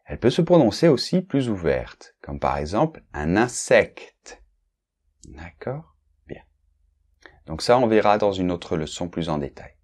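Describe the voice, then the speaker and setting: A man's voice: lowish voice, very animated, moderate pace, darkish tone. A man teaching a recorded lesson, speaking to the learner informally and patiently spelling out example words one by one. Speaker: French teacher.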